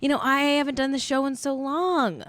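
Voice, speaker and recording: A woman's voice: high-pitched, normal speed, no echo. A woman hosting a casual comedic live stream, riffing playfully with her chat. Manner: playful, riffing, animated jokes. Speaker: host.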